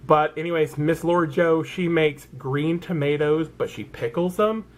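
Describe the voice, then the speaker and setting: A male vlogger with a Southern American accent chats casually through a product haul, rambling and correcting himself along the way. His voice is fairly high and he speaks at a normal speed.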